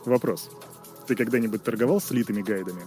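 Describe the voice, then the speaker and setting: A man's voice: medium pitch, quick pace, a little mellow, faint music behind. A man hosting an interview, playful and speaking straight to the audience. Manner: playful, addresses the audience directly. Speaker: interviewer host. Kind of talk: podcast interview.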